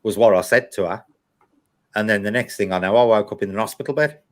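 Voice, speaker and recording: Low-voiced man telling a personal story. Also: fast. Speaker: host of a paranormal live chat. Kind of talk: casual chat, telling a personal anecdote.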